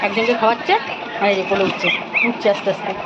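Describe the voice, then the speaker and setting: A woman's voice: mid-range voice, fairly even intonation, quick pace. A woman narrating a home video of her dogs, slipping into sing-song baby talk and repeating words as she coaxes them. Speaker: home vlogger filming her dogs and puppies. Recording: dull lo-fi phone audio with clear background noise.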